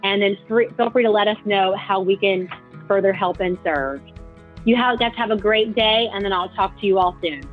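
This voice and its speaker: A woman's voice: medium pitch, moderate pace, soft background music. A woman financial advisor giving an informal webinar, talking conversationally and directly to her listeners. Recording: tinny phone-like line.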